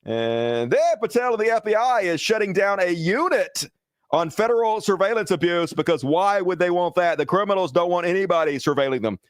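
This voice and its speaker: A man with a fairly high voice rants hotly at his audience, swearing freely and calling them "folks". The sound is close and dry, with no room echo. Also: animated, brisk. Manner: profane, heated ranting, addresses viewers as folks. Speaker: political commentary host. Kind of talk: angry political commentary.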